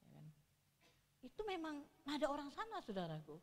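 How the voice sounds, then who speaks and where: A woman's voice: high-pitched, huge pitch swings, normal speed. A woman in her sixties preaching a sermon in church, telling stories and asking the congregation questions. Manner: storytelling, asks the congregation questions, acts out quotes. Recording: reverberant hall.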